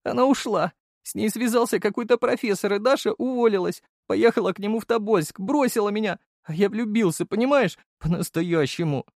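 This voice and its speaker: A man voicing Volodya, a young deputy who whines, squeaks and sobs over a lost love. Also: fairly even intonation, a little fast, hardly any pauses, no echo, clean studio sound, lightly acted. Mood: tearful. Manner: high whimpering, sobbing voice.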